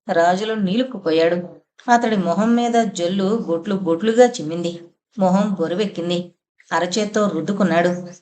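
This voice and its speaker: A woman narrating a suspense novel as an audiobook, in a dramatic, measured storytelling manner. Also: mid-range voice, darkish tone.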